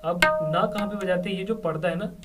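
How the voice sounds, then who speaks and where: High-voiced man teaching tabla. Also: fairly even intonation, fairly quick, over loud music. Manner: patient, explains step by step with "dekhiye, hai na?". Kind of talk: spoken music lesson with counting and drum syllables. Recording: tabla playing loud behind the voice, voice sometimes far from the mic.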